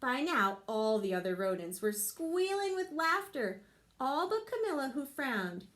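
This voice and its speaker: A woman teacher reading a picture book aloud to her class and explaining the lesson, with expressive storytelling. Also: high voice, unhurried.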